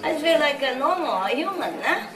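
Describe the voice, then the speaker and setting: High-voiced woman teacher in an echoey hall. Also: big pitch swings, moderate pace, crowd noise. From Vietnam. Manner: chatty storytelling, frequent "you know?" asides. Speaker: spiritual teacher. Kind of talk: informal lecture to an audience. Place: large hall with an audience. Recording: echoey hall from a distance with audience.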